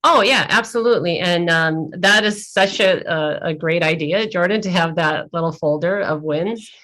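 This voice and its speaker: A woman's voice: on the low side, normal speed, a bit bright. A middle-aged woman guest telling a candid, emotional story in an interview, easily sidetracked. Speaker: guest entrepreneur.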